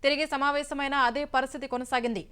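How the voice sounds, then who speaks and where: A woman news anchor reading the bulletin in a brisk, formal newsreader manner. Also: high-pitched, fairly even intonation, fairly bright tone.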